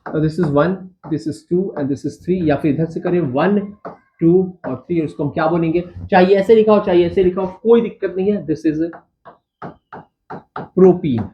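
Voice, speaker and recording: A man teaching chemistry in a mix of Hindi and English, calling the students "bachcha" and asking questions he then answers himself. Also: fairly high pitch. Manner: addresses students as "bachcha" and "babu", asks and answers own questions; counts carbons slowly while writing. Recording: dull lo-fi sound with faint noise.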